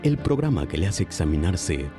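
A man announcing and narrating a religious radio program in a solemn, measured way. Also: low-pitched, big pitch swings, music in the background.

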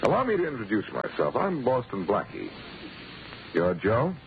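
An actor playing a wry, assertive amateur sleuth in a 1940s radio drama. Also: male voice, lowish voice, wildly swooping pitch, moderate pace, vocal fry, exaggerated voice. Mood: pressing, confident. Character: brisk, wisecracking adult male amateur sleuth. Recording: muffled old radio recording, hiss.

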